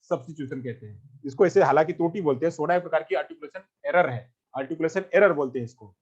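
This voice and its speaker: This male teacher's voice is fairly high, quick, and slightly rough, heard through a dull lo-fi recording. His exam-prep lecture repeats points often, and he asks questions only to answer them himself.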